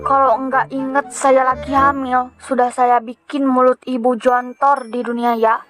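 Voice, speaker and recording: Anara, a sharp-tongued pregnant wife. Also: female voice, high-pitched, little pitch movement, measured pace, faint music behind. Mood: indignant. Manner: blunt, scolding.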